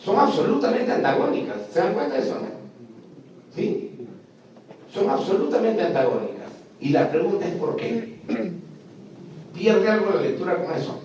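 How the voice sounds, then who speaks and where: A man's voice: sits high, sing-song, moderate pace, pauses often, a little mellow. Lecturing man in an echoey hall. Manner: emphatic, asks the class rhetorical questions. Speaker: lecturer on biblical texts. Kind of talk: classroom lecture. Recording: echoey room, distant mic, faint noise.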